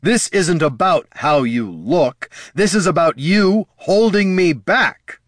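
A man voicing a young male wizard who rages at his father in a raised, pitched-up voice. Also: animated, slow pace, no room sound, studio quality. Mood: angry. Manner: shouting in anger, then hushed.

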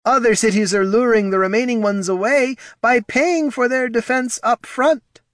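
A man voicing a flustered male guild official, anxious and harried, pleading in a raised pitch. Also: moderate pace, fairly bright tone, dry recording, clean studio sound.

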